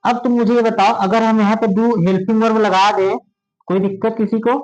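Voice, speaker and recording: High-voiced teacher checking understanding. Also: male voice, level tone, fairly quick. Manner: checks often if students understand. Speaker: English grammar teacher. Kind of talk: classroom lesson. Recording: dull lo-fi sound.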